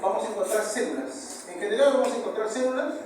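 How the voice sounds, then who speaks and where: Peruvian male professor, high-pitched, repeats terms and quizzes the class; distant, reverberant classroom audio. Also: fast. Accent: Peruvian Spanish. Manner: repeats key terms, asks the class rhetorical questions. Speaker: histology professor. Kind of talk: university lecture. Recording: very echoey room, far from mic, noisy.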